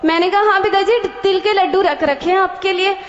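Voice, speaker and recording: A woman telling a personal testimony to a spiritual leader, animated, acting out many quoted exchanges. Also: very high-pitched, brisk. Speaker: devotee sharing a testimony. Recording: dull, echoey hall sound.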